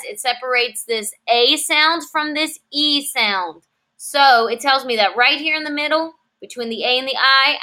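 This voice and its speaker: Woman giving a french lesson, bright clear voice, slow careful drills then quick explanations. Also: fairly high pitch. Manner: repeats words slowly for pronunciation, then explains quickly. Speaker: French teacher.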